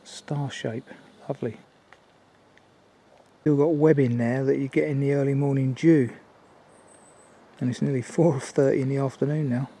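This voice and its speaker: An older man giving a casual, unhurried, observational commentary as he films a walk outdoors. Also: mid-range voice, fairly even intonation, mellow. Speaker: hiking vlogger. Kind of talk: casual walking commentary to camera. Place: outdoors on woodland and mountain trail. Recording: outdoor ambient noise.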